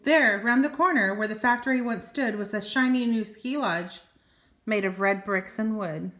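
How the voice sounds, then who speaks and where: In an echoey room, an older woman reads aloud from a children's storybook as a grandmother would, expressive and sprinkled with small asides. Her voice is medium-pitched and fairly bright, moving at a normal speed.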